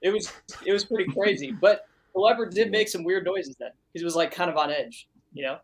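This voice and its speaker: A man's voice: high voice, a little fast. A man who works as a sound recordist, appearing as a guest and telling a story casually with many restarts and fillers. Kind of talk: casual anecdote.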